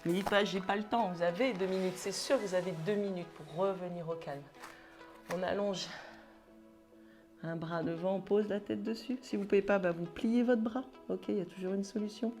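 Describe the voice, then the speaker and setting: A woman's voice: medium pitch, darkish tone, soft background music. A French woman coaching a cardio boxing workout, calling out moves in short punchy cues and sometimes winded as she trains along. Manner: brisk, punchy cues while exercising along. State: out of breath at times. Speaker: fitness coach. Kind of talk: workout instruction.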